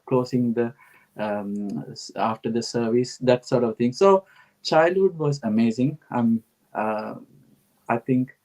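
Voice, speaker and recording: A man's voice: mid-range voice, dark tone, poor audio. A middle-aged man from Sri Lanka, a guest giving earnest, reflective answers in a conversational interview.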